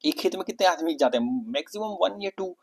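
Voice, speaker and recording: A man's voice: high-pitched, expressive, brisk, husky. A young man from Uttarakhand, India, teaching an exam vocabulary lesson, explaining each word with repetition and rhetorical questions. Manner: explanatory, repeats words and asks rhetorical questions.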